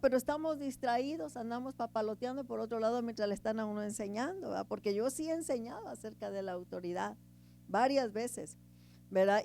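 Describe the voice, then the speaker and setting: A woman preaching a sermon in a chatty teaching tone, often checking in with the congregation and swinging between loud emphasis and quiet asides. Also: a little high. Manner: conversational, keeps asking the congregation "right?".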